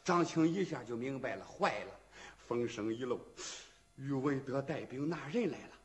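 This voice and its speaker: A man narrating in traditional storytelling style, with rhythmic, rhymed, animated delivery. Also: mid-range voice, moderate pace.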